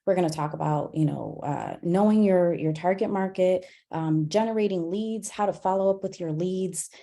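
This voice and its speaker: A woman hosts an online gathering with a somewhat low voice. She talks in a loose, chatty way, full of "um"s and "you know"s and restarted phrases. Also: normal speed, warm tone. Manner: chatty, many fillers and restarts. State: out of breath. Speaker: program host. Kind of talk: casual presentation on a video call.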